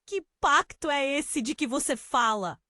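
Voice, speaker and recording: A woman voicing a desperate, defiant young woman, shouting urgent questions. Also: high voice, expressive, measured pace, dry recording, clean studio sound, voice pushed up, full character voice.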